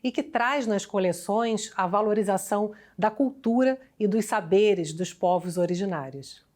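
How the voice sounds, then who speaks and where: A woman's voice: mid-range voice, normal speed, noisy background. A woman co-hosting a TV interview program, introducing the guest and asking friendly questions. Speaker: host.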